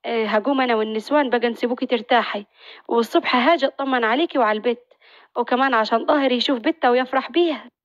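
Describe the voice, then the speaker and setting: A woman's voice: on the high side, rapid-fire, no echo, lo-fi sound, lightly acted. A woman voicing a kindly older village midwife, speaking in a motherly, consoling way.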